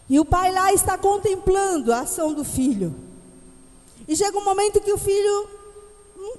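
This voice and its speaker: A woman's voice: very high-pitched, darkish tone. A woman preacher delivering an emphatic, dramatic sermon to her congregation in a church hall. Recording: echoey church hall reverb.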